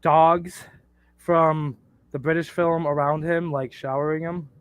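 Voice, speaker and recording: A man's voice: fairly high pitch, steady tone, measured pace, smooth, dry recording. A man chatting casually on a podcast, rambling with lots of "uh" and "like". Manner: rambling, fills with "uh" and "like". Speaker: podcast cast member. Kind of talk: casual chat.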